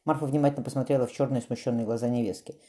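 A woman's voice: very deep voice, steady tone, racing, mellow. A woman reading an audiobook aloud, with occasional slips and self-corrections. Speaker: audiobook reader. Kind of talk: audiobook narration.

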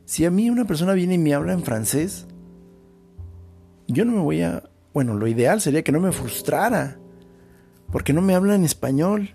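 A man's voice: a little high, big pitch swings, normal speed, vocal fry, pauses often, dark tone, soft background music. A Mexican man hosting a podcast, talking through a casual, thoughtful monologue with slangy asides. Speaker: podcast host. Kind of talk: reflective monologue.

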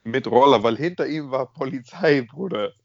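A young podcast co-host, calling in over the internet from home, tells stories emphatically in slangy speech peppered with filler address words. His mid-range voice is animated and creaky at a moderate pace, and the dry call audio is slightly muffled with no room sound.

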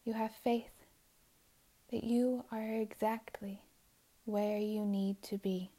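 Female meditation guide: very slow, mellow, soothing, half-whispered delivery. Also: medium pitch, flat delivery. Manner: soft and soothing, slipping into whispers.

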